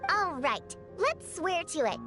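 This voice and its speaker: A young female water imp from a fantasy game, with a high, swooping voice. She is theatrical and cheerful, quick to get flustered, with light music underneath. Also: full character voice. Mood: cheerful, reassuring. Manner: expressive, theatrical, easily flustered. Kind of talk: animated game voice acting.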